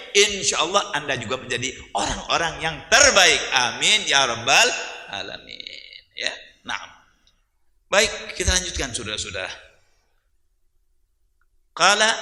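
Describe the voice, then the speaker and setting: A man preaching a sermon in a mosque, animated, full of teasing rhetorical questions, with an Indonesian accent. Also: mid-range voice. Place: mosque hall. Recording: echoey mosque hall with long reverb.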